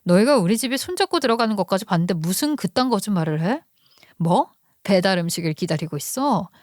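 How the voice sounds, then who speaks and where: A woman's voice: mid-range voice, expressive, fairly quick, dry recording, studio quality, natural voice. A woman voicing a furious, betrayed wife who curses and scolds sharply. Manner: sharp, cursing, indignant.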